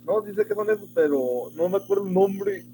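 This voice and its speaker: A man's voice: high-pitched, huge pitch swings, brisk, vocal fry, mellow. A young man, a student answering questions in an online class, hesitant and searching for words, speaking from far away from his microphone. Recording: distant mic with faint hum.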